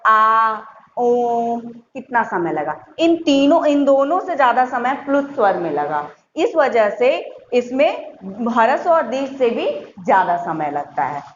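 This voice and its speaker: A woman with a fairly high voice teaches a grammar lesson to young children. She is patient, repeats each point and sounds out every example slowly. The recording is muffled and echoey, with a faint hiss underneath. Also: big pitch swings, darkish tone. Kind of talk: Hindi grammar lesson for schoolchildren.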